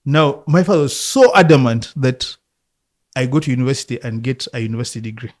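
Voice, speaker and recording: A man from Uganda in his fifties, a football coach, telling his life story in a relaxed interview, reflective and often laughing. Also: medium pitch, quick pace. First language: Luganda.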